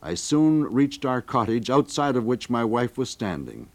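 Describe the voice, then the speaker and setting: A man's voice: medium pitch, big pitch swings, a little slow. A man narrating a dramatic historical account as a documentary narrator, reading with rising intensity at vivid moments.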